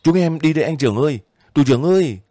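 A man voicing young male soldiers who shout urgently under fire, in a high frantic voice. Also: animated, a little fast, dry recording, studio quality, natural voice.

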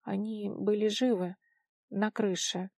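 A woman's voice: medium pitch, little pitch movement, slow pace, gravelly, a little mellow, dry recording. A woman reader voicing an anxious, commanding young celestial woman, urgent and imperious in speech.

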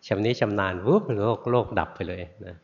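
A man, a Buddhist monk, telling a story in a relaxed sermon, often adding soft tag words, on a dull lo-fi recording in a sermon hall. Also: fairly low pitch, a little fast, gravelly. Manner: relaxed storytelling with frequent "na" tags.

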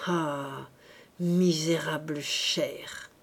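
A woman's voice: mid-range voice, expressive, slow pace, darkish tone. A woman voicing a stern, contemptuous priest who speaks in harsh, scornful declamation in a read-aloud novel.

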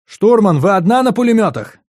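A man voicing a tense male contractor shouting into his radio mid-battle. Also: high-pitched, lively intonation, brisk, no echo, studio quality, pitched above the performer's own voice.

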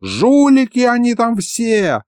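A man's voice: on the high side, big pitch swings, moderate pace, darkish tone, dry recording, clean studio sound, voice pushed up. A man voicing an ancient, sly, lecherous sorcerer with a pompous, gloating manner.

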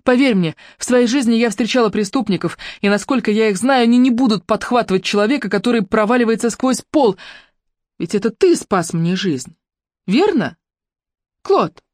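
A woman reading an audiobook, voicing a bold, sharp-witted teenage girl detective who talks high and insistently. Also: lively intonation, normal speed, no room sound, clean studio sound, lightly acted. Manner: high, bright and insistent, shouting over wind. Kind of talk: audiobook character voice.

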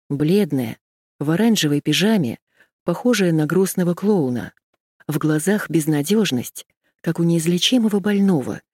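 A woman reading a first-person novel aloud in a measured, tense storytelling manner. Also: sits low, a little mellow, husky, no room sound, studio quality. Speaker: audiobook narrator. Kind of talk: first-person audiobook narration.

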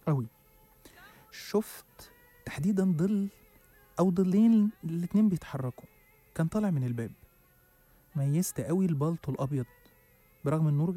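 A man's voice: a little high, mellow. A man with an Egyptian Arabic accent narrating a suspenseful first-person horror story. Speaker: storyteller host.

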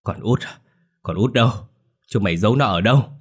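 A man's voice: deep voice, brisk. A man voicing a ravenous, foul-mouthed old grandmother who snarls and shrieks curses. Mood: furious.

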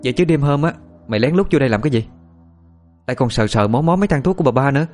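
A man voicing a spiteful young female servant who talks in a shrill, sneering, threatening way. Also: animated, normal speed, fairly bright tone, soft background music, close to an everyday voice. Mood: defiant sneering.

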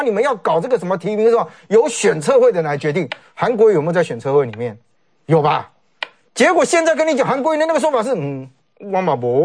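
A man with a high, slightly breathy voice and a Taiwanese Mandarin accent gives lively, sarcastic political talk-show commentary, often imitating other people's words.

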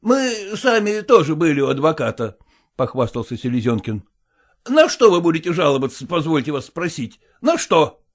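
A man voicing a smug, old-fashioned merchant who speaks in an obsequious, drawn-out way. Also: on the high side, very animated. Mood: placating. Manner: obsequious, drawn-out, adding a polite "-s".

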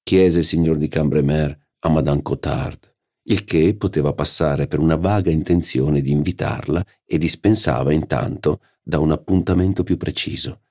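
A man reading a classic novel aloud as an audiobook narrator, measured and deliberate. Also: a bass voice, dark tone.

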